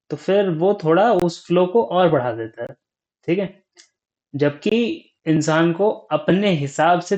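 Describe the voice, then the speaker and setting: Young guy chatting to camera, kinda high voice, slow and thinking out loud, keeps asking "right?". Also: muffled recording. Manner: unhurried, thinks aloud, forgets points mid-talk; frequent "ठीक है?" check-ins. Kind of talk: casual talk to camera.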